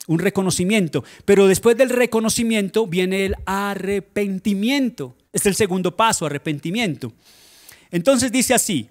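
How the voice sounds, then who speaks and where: Male pastor, high voice, preaching in church, rhetorical questions, shifts from loud to hushed. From Colombia. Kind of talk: sermon.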